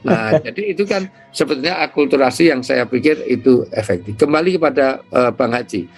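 A man, an Islamic cleric, explaining ideas in an interview with lively storytelling. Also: medium pitch, fairly quick, gravelly, breathy edge, soft background music. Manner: lively storytelling with imitated sounds.

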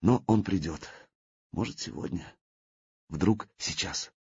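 A male audiobook reader voicing a frightened, anxious young princess in a raised, softened voice. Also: sits low, takes it slowly, breathy edge, no echo, dull audio, full character voice. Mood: fearful.

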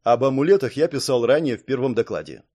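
A man reading aloud, voicing a calm, shrewd male analyst who lays out his reasoning in a measured way. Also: medium pitch, natural voice. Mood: thoughtful. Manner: thoughtful, measured.

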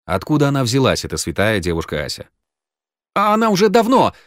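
A man reading an audiobook, voicing a frantic young man who swears he is innocent, his voice high and loud with fear. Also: huge pitch swings, fairly quick, no room sound, studio quality. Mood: pleading. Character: panicky young man, accused, pleading.

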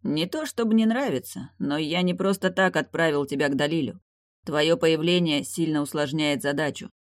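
A sardonic young warlock, as the reader plays him, calm and grinning through every line. He speaks in a dry, close storybook voice with only a slight lift in pitch. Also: normal speed, no echo, close to an everyday voice.

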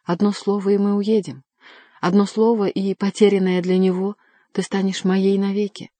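A woman's voice: on the low side, fairly even intonation, normal speed, warm tone, no echo. A woman voicing an ardent young nobleman pleading with his beloved. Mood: urgent. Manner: passionate, pleading.

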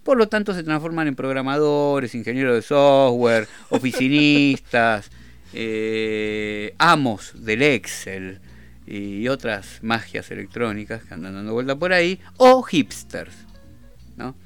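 A man's voice: medium pitch, expressive, slow pace, clear, resonant tone. A man with an Argentine accent hosting a talk show, rambling and joking in casual chat. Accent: Rioplatense Argentine Spanish. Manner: rambling, jokey, self-amused. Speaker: radio show host.

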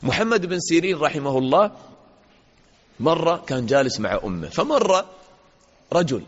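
A man's voice: a little high, sing-song, normal speed, husky. A man giving an interactive religious lesson to children, asking questions, praising answers and acting out little dialogues. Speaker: sheikh teaching children. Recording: dull lo-fi audio in a reverberant hall.

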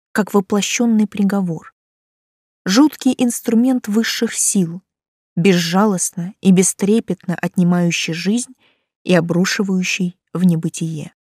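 A woman narrating a first-person fantasy audiobook in an expressive, lively reading. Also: medium pitch, dry recording, clean studio sound.

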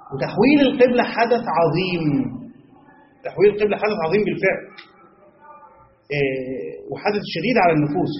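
High-voiced Egyptian man teaching a lesson. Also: roomy sound, dull audio, a little hiss or hum. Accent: Egyptian Arabic. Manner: explains in colloquial Egyptian mixed with classical Arabic; rhetorical questions, stretched emphasis. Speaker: Quran commentary teacher. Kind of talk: religious lesson.

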